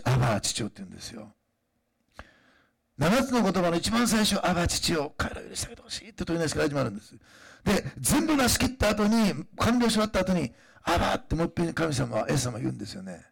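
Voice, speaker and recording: A man delivers a sermon with a high, husky, gravelly voice. His pitch swings widely as he moves from halting, filler-filled asides to fervent, emphatic declarations. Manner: conversational preaching with frequent fillers, rising to emphatic declarations. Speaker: pastor.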